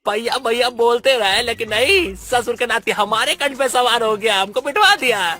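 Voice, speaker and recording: A man's voice: extremely high pitch, normal speed, bright, forceful tone. A man voicing a dim-witted goon sidekick in a cartoon who complains rustically about his boss. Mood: whining. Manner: whiny and rustic. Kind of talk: cartoon voice acting.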